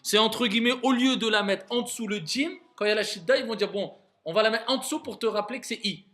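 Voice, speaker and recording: Teacher guy in a classroom, slightly high voice, patient, says each word slow n clear for the students. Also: sharp tone. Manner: patient, repeats words slowly and clearly to correct students. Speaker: Arabic reading teacher. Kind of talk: classroom lesson.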